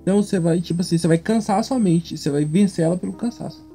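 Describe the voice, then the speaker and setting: Man, laid-back drawl, warm mellow tone, pitched a bit high; casual banter. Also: very fast, vocal fry, faint music behind. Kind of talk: casual chat.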